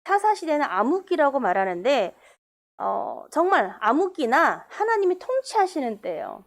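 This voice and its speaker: Woman pastor, high and very expressive, preaching in a church, loud bursts and hushed asides. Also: normal speed. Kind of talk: sermon. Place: church sanctuary.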